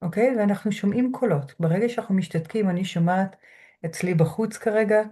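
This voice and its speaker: Calm woman guiding a slow exercise. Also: medium pitch. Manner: slow, measured, with soft pauses. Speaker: lecturer guiding a grounding exercise. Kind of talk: calm guided lecture. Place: home room. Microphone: computer mic.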